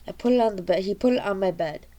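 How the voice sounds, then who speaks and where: A woman reading her own story aloud in a halting, casual way with frequent restarts. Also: medium pitch, dark tone.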